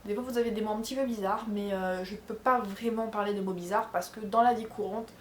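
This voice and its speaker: Speaking briskly in a steady, medium-pitched voice, the young woman sounds reverberant, with slight background noise. She's a French vlogger with a Charente accent answering viewers' questions in a casual bedroom chat, rambling and often correcting herself amid plenty of fillers.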